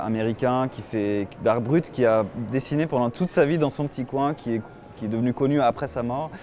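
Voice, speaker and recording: A man's voice: medium pitch, darkish tone. A man in his thirties from Germany, an animation film director giving a festival interview, hesitant with many fillers and restarts.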